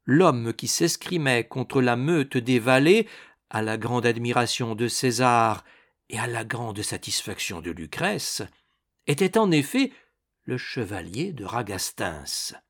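A man narrating an adventure novel as an audiobook, with dramatic, expressive storytelling. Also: mid-range voice, takes it slowly.

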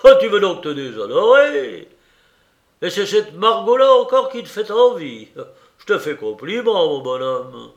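A gruff old retired army captain, put on by a male reader, bellowing his indignation in a voice pushed higher and louder than the narration. He swears and scolds like a storybook soldier. The reading has a roomy echo around it. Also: very animated, measured pace, exaggerated voice. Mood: indignant. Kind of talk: audiobook character reading.

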